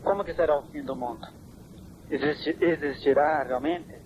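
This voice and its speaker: A man's voice: fairly high pitch, normal speed, a little mellow. A man interviewing a church elder in a courteous, formal manner, heard on a hissy, worn old cassette tape. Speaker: priest interviewer.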